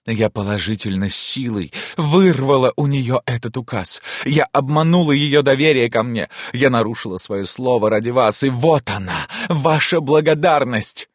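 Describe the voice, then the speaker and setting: A man reading an audiobook, voicing a spirited, warm-hearted countess who teases and flares up. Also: medium pitch, normal speed, slightly rough, no echo, clean studio sound, pitched above the performer's own voice. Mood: indignant. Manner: lively, teasing, then indignant.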